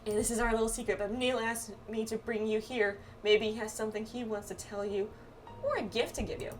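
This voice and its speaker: Reading game dialogue aloud and reacting casually as she plays, this woman speaks fairly quickly in a slightly high voice. Background music comes through clearly over her distant-mic recording.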